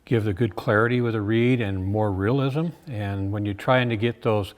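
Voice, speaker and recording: A man's voice: fairly low pitch, steady tone, normal speed. A plain-spoken, folksy man informally explaining and demonstrating game calls he makes. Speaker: game call maker demonstrating his products. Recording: reverberant room with long echo.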